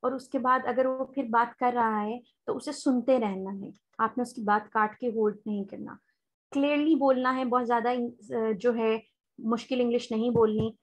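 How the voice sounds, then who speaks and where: Woman, Pakistani accent, online English teacher, slightly high pitch, step-by-step explaining. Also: fairly even intonation. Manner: explains step by step, switches to slow polite English for sample phone lines. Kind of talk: online class lecture.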